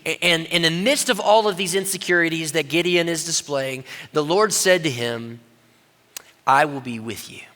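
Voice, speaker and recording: Male pastor, conversational sermon, slightly high bright voice, long church-hall reverb. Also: moderate pace, hardly any pauses. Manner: conversational preaching, drops low and quiet for God's words. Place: church auditorium.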